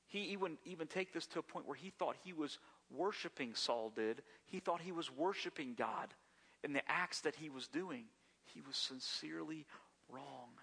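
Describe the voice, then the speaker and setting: A man's voice: on the high side, normal speed, creaky, sharp tone, husky. A man preaching a sermon, acting out voices and sometimes dropping to a whisper, with self-corrections along the way. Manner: acts out voices, drops to a whisper at times. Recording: long hall reverb.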